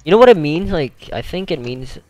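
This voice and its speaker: A young man hosting a gaming video, chatting casually and quietly late at night, close to his desk mic, laughing often. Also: on the high side, sing-song, a little fast. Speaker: gaming channel host.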